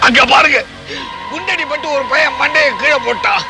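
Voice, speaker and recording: An actor playing an earnest do-gooder in a comic stage play, protesting and pleading against a villain. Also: male voice, very high voice, moderate pace, over music. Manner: indignant, pleading, exclaiming in protest.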